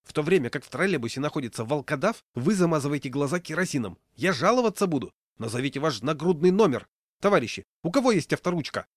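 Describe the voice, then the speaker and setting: A man's voice: big pitch swings, fairly quick, hardly any pauses, darkish tone, no room sound, studio quality. A man reading a story aloud, voicing a nervous, indignant passenger in a ginger raincoat who keeps squealing complaints. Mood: shrill outrage. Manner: shrill, jumpy, indignant.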